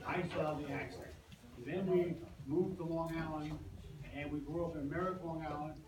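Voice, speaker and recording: An older business owner from Brooklyn, New York hosts a casual presentation for customers before a live audience, rambling, joking, and halting with restarts. His voice is on the high side and steady. The large room echoes, and he is far from the mic, so the recording is noisy.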